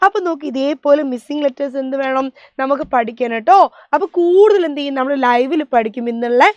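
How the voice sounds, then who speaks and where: High sing-song woman teacher. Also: no echo, highs cut off. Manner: sing-song, coaxing, spells letters out slowly. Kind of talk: children's spelling lesson.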